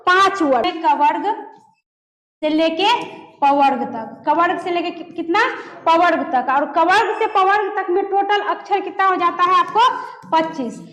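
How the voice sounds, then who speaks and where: A woman's voice: very high voice, unhurried, a bit bright. A woman teaching Hindi grammar in a classroom style, asking questions and answering them herself and repeating the key terms. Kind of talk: classroom lesson. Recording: echoey room with long reverb.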